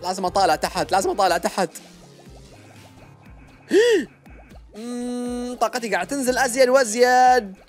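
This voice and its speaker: Excitable gamer man. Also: very high-pitched, normal speed, pauses often, faint music behind. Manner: excitable, shouting reactions. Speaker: gaming youtuber. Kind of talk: excited let's-play commentary.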